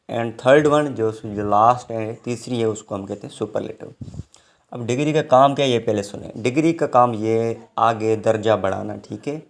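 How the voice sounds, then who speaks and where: A man teaching English grammar in a recorded online lecture, explaining step by step and often checking in with his students. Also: medium pitch. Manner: explains slowly, with frequent check-ins.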